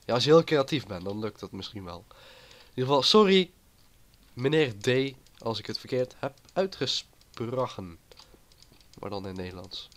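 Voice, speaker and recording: A man with a cold talks through his gameplay in a loose, rambling way. He chats on at an ordinary pitch, jumping from one thought to the next. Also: lively intonation, moderate pace, fairly bright tone. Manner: rambling and chatty. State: has a cold. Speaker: gaming YouTuber. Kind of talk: casual gameplay commentary.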